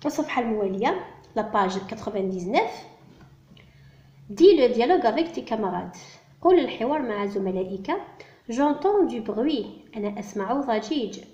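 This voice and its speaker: A woman teaching a primary-school French lesson, explaining in Arabic and sounding out each French word slowly and carefully for children. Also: a little high, expressive, warm tone. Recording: dull lo-fi recording.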